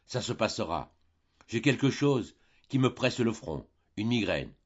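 A man reading an audiobook voices an older father, pleading and heartbroken, his voice loud and imploring in a dull, muffled recording. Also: on the low side, very animated, unhurried, breathy edge, heavily acted. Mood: weak.

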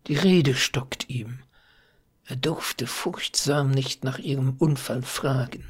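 A man narrating an old pastoral tale in a soft, half-whispered reading. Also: mid-range voice, husky. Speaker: audiobook reader.

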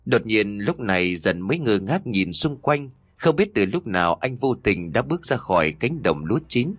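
A man narrating a scripted horror story in a steady, suspenseful reading voice. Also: fairly low pitch, moderate pace, dry recording, studio quality.

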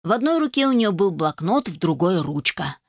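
A woman tells a story in the first person, expressive and lively. Her voice sits on the low side for a woman. The recording is close and dry, with no room sound. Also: fairly quick, dry recording. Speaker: audiobook narrator.

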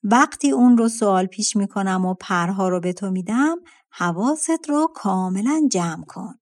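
A woman voicing a clever young girl in a fairy-tale audiobook, soft and pleading as she calms a monster. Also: mid-range voice, lightly acted. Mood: hushed.

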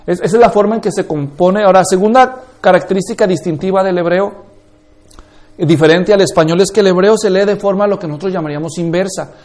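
A man's voice: sits high, darkish tone. A man teaching a class on Bible interpretation, explaining step by step and often checking that his listeners follow. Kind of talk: classroom lecture.

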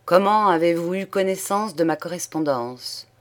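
A woman's voice: fairly low pitch, lively intonation, normal speed, lightly acted. A woman reading the part of a haughty old nobleman, a count who speaks firmly and with cold contempt. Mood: stern. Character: haughty old male count, proud aristocrat. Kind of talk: audiobook character reading.

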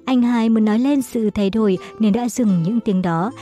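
A woman voicing a gentle young man, calm and explaining, later sorrowful. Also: fairly high pitch, moderate pace, soft background music, close to an everyday voice. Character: gentle apologetic elder brother-in-law, young man.

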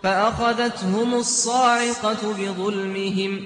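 A man reciting the Quran in formal Classical Arabic, in a melodic chant with measured, elongated, precisely articulated words. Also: high voice, fairly even intonation, a bit bright. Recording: long echoing reverb.

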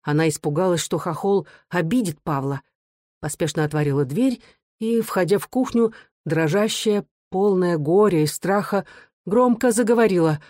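An audiobook narrator reading literary prose in a measured, expressive way. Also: mid-range voice, no room sound, clean studio sound.

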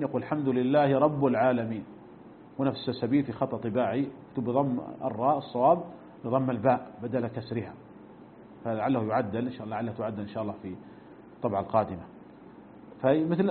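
A man's voice: medium pitch, a little hiss or hum. A middle-aged man teaching a religious text, explaining points and demonstrating pronunciations as he goes. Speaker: sheikh teaching a fiqh text. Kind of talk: recorded religious lesson. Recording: tinny phone-like lesson recording.

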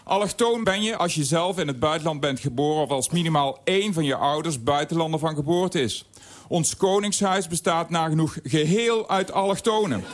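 A man with a slightly raised voice reads his scripted column at a studio microphone. His delivery is wry and dryly humorous. He tells anecdotes and asides in an even, measured way. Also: a little high. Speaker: radio columnist. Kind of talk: reading a scripted radio column.

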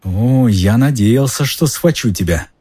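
A man's voice: medium pitch, animated, measured pace, slightly rough, voice pushed up. Snape: a man doing a hissing, sneering schoolmaster. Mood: hissing menace. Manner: hissing, sneering, bursts into shouting. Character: cold, venomous male schoolmaster, hissing.

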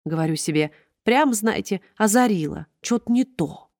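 A woman's voice: medium pitch, lively intonation, normal speed, darkish tone, no room sound, studio quality, voice pushed up, close to an everyday voice. Woman doing a rambling know-it-all man. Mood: smug. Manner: rambling, colloquial.

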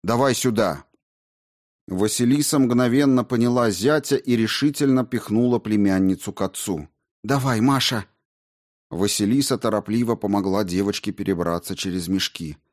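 A man narrating an audiobook in a steady, measured way. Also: fairly low pitch. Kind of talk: scripted narration.

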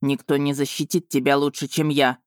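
A woman voicing an arrogant male dragon suitor in an audiobook, her voice lowered and firm. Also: flat delivery, normal speed, dry recording, clean studio sound. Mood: growling.

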